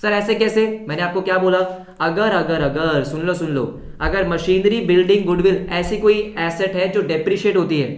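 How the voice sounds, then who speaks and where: A male accounts teacher with a sore throat, running a fast revision lesson, asking the class questions and answering them himself. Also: high-pitched, reverberant. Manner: quizzes students then answers his own questions.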